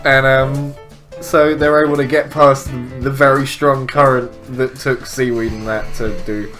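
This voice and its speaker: A man's voice: medium pitch, flat delivery, unhurried, fairly bright tone, faint music behind. A man co-hosting a casual comedy show, laughing often and swearing freely. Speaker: podcast co-host.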